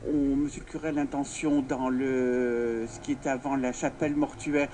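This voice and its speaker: A man's voice: mid-range voice, little pitch movement, normal speed, mellow. A man giving hesitant, piecemeal interview answers as a local association member inside a church. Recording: church interior with background noise.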